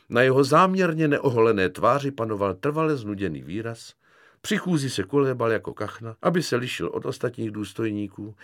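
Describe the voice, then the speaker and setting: A man narrating an audiobook with lively, expressive storytelling. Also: lowish voice, dry recording, clean studio sound. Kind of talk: scripted narration. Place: recording studio.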